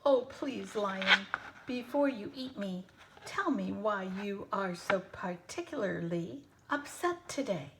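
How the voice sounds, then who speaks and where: A woman's voice: mid-range voice, expressive, slow, background noise. Woman doing a pleading little boy. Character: polite little boy, quick-thinking.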